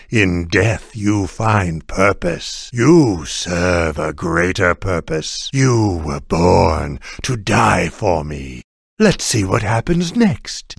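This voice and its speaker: A man voicing a cold, haughty undead lich sorcerer in a video game, speaking in a menacing, theatrical, deliberate way as he savors his cruelty. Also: sits low, vocal fry, in a large hall, exaggerated voice. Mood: commanding, cruel. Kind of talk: video game villain voice lines.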